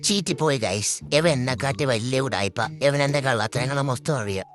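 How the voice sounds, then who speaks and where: A man's voice: medium pitch, animated, a little fast, natural voice. A man voicing the inner thoughts of a cheeky, scheming toddler boy, confiding mischievously to viewers in a comic voice-over.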